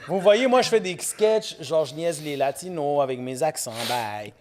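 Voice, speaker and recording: A man, a guest artist in casual podcast banter, animated and mixing in English slang. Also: fairly high pitch, normal speed, slight background noise. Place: podcast studio.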